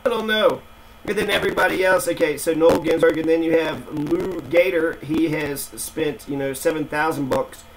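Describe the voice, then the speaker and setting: A man narrates a casual screen-recorded walkthrough, thinking aloud and swearing freely. His slightly high voice comes through a fuzzy, distorted computer mic. A faint fan hums behind him. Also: moderate pace, a little hiss or hum. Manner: thinking aloud, loose and profane. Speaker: screencast presenter.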